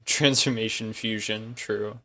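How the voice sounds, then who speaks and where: A man's voice: lowish voice, fairly even intonation, a little slow, bright, forceful tone, dry recording. A man streaming a game and chatting casually, rambling and correcting himself as he goes. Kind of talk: casual live-stream chat.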